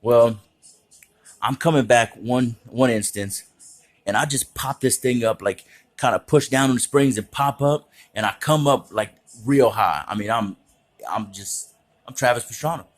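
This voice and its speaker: A man casually telling profane, animated stories, often jumping into other voices. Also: a little slow. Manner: animated, profane, acts out voices with big pitch jumps. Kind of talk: casual storytelling.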